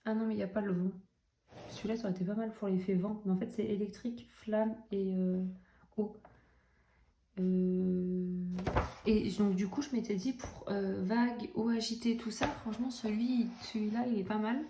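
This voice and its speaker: This young woman's medium-pitched voice has a flat delivery at normal speed as she casually chats about her coloring books as a coloring vlogger. She's chatty, jokes at her own expense, and fills her talk with fillers, recorded in an echoey room with faint noise.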